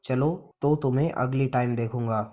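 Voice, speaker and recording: A man's voice: medium pitch, fairly even intonation, moderate pace, dark tone, highs cut off, lightly acted. A man voicing a boastful, reckless young male hero in a comic recap, with a cocky, defiant delivery in his own everyday voice.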